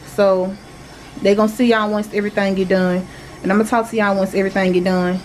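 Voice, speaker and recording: This young Southern single mother talks fast in a level, medium-pitched, slightly mellow voice, loosely chatting through a cleaning vlog and scolding her kids. She records on a handheld phone inside her apartment living room and kitchen. The audio is poor, with slight background noise.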